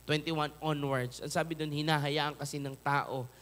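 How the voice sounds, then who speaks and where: A male pastor with a Filipino accent preaching a sermon, moving between loud emphatic peaks and soft, low pleading. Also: fairly even intonation, moderate pace.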